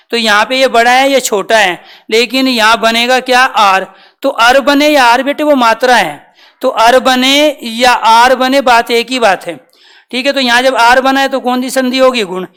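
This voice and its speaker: A woman teaching a grammar lesson. She patiently asks her students questions, answers them herself and repeats key terms slowly. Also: a little high, a bit bright, clean tone.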